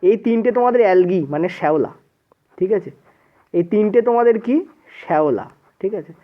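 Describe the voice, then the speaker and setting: A man's voice: high-pitched, expressive, a little fast. A man with a Bengali accent teaching an exam-prep science lesson, checking in with students again and again and mixing in English words. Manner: repeats "ঠিক আছে" often, mixes English words in. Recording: tinny phone-like sound.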